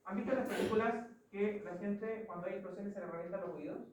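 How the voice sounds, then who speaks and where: A woman's voice: medium pitch, brisk, recorded from a distance, noisy background. Chilean woman lecturing in an echoey classroom. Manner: explanatory, asks the class questions. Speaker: anatomy teacher. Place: large classroom.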